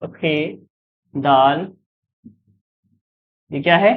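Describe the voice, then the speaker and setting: A man's voice: fairly high pitch, extremely slow, phone-quality sound. A man teaching an exam-prep lesson as a tutor, patiently repeating each point and answering his own questions.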